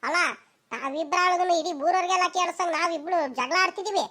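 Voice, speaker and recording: A woman performs a combative elderly village granny for a cartoon, her pitch extremely high and her mood scolding as she rebukes people in rapid rural dialect and shouts for them to come over.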